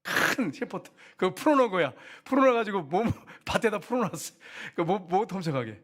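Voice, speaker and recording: A male pastor preaching in a lively storytelling way, voice pitched a little high and swinging widely up and down. He acts out the people in his story and keeps questioning the congregation. His voice jumps up sharply when he retells someone's anger. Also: a little fast. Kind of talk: storytelling sermon. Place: church sanctuary.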